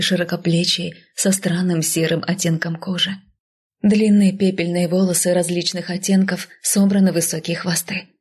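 A woman reading a first-person story aloud as an audiobook narrator, in a soft, often half-whispered way. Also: lowish voice, vocal fry, breathy edge.

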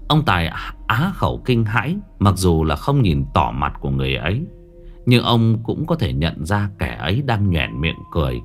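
A man with a low voice narrates a ghost story, drawing out the tense moments with slow, dramatic pacing. His pitch rises and falls in a lively way, and faint music plays underneath.

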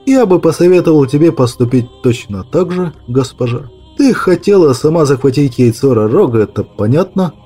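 A man voicing a laconic, stony male monster hunter in an audiobook, speaking quietly, low and curt. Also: lively intonation, normal speed, hardly any pauses, slightly rough, faint music behind. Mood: calm. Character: calm, laconic grown male witcher, stony. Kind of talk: audiobook character voice.

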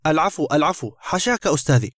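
A man's voice: fairly high pitch, lively intonation, fast, fairly bright tone, no echo, studio quality. A man voicing a pompous, pleading academic. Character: pompous male academic writer, frightened.

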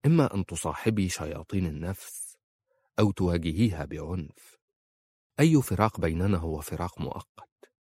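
A man reading an audiobook and voicing a calm, devoted young man who speaks quietly and firmly. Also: deep voice, fairly quick, husky, no room sound, full character voice. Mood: tender. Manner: quiet and firm. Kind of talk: audiobook character voice.

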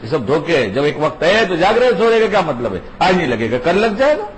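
A man's voice: on the high side, big pitch swings, low-quality recording. An older man, a grandfather, giving an informal religious talk in an emphatic, conversational way and repeating his key points. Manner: repetitive, emphatic, conversational teaching. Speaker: religious speaker.

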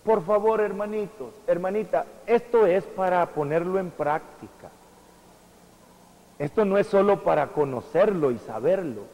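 A man preaching a sermon, speaking emphatically with sudden jumps in pitch and loudness and putting questions straight to his congregation. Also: lively intonation, a little slow, long reverb tail, low-quality recording. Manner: addresses the congregation directly with questions.

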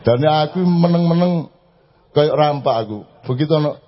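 A man speaks in a fairly high, animated voice, joking his way through an informal religious talk. The recording is dull and lo-fi. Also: normal speed. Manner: animated, joking, switches into Javanese. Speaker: preacher. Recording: lo-fi live recording.

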